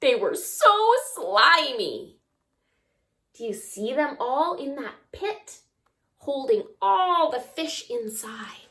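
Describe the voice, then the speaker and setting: A woman with a high, slow voice reads a picture book aloud to young children. She performs expressively, acting out sounds and stopping for asides and questions to her listeners during story time.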